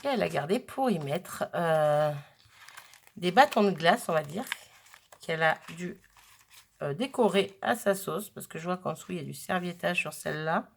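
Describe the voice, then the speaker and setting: A woman's voice: on the low side, expressive, moderate pace, gravelly, husky. A woman chatting casually while unboxing crafts, thinking aloud with lots of fillers. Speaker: crafting vlogger.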